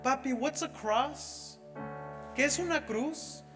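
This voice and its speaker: Anxious little kids peppering their dad with questions, as a preacher mimics them, pitched high, in a reverberant hall. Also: male voice, takes it slowly, music in the background. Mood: curious, pleading. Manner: wondering, pleading questions, mixing in English. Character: his own young children, curious and upset.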